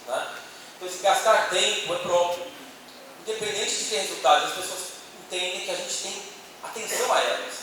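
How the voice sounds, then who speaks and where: A man's voice: fairly high pitch, distant mic. A man with a Brazilian accent giving a conversational church talk to an audience, with many tag questions. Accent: Brazilian Portuguese. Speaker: speaker on a church panel. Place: meeting hall with an audience. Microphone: handheld microphone. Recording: echoey hall, voice from off-mic, noisy.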